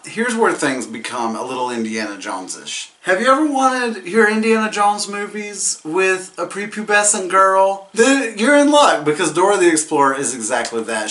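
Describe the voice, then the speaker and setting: A man's voice: on the high side, fairly bright tone. A drunk man giving a casual comedic movie recap, rambling, giggly and swearing, and losing track of names as he goes. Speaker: host of a drunk movie review.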